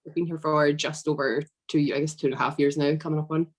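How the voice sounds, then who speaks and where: A woman's voice: low-pitched, fast talker. A young Scottish woman in her twenties, chatting casually as a podcast guest with lots of fillers. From Scotland. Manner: chatty, relaxed, frequent fillers. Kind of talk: casual interview.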